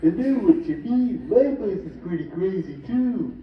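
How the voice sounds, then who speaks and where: A man voicing a high-voiced, earnest cartoon boy hero with goofy comic delivery. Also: expressive, unhurried, recorded from a distance, phone-quality sound. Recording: clip played over speakers in an echoey hall.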